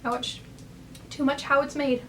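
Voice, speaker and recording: A woman's voice: sits high, little pitch movement, moderate pace, a bit bright, recorded from a distance, slight background noise. A young American woman vlogging casually from her bed, rambling chattily with lots of fillers. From United States. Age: young adult. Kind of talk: casual chat. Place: in bed, bedroom.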